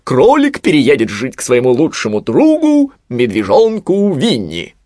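A man's voice: medium pitch, wildly swooping pitch, measured pace, dark tone, dry recording, studio quality. A man voicing a wise, pompous female owl in a storybook, declaiming grandly.

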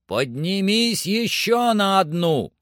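Male reader doing a frantic shouting gent, pitched way up, dry close sound. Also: very animated, slow pace, dry recording, heavily acted. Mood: urgent, commanding. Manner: shouting, urgent and agitated. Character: excitable, frantic middle-aged man giving orders. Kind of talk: audiobook character voice.

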